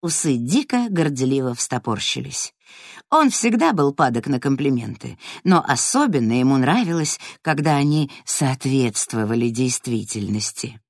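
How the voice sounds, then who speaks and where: A woman reading a children's story aloud in a calm, measured way. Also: very deep voice, no echo, clean studio sound. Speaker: narrator. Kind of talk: scripted audiobook narration.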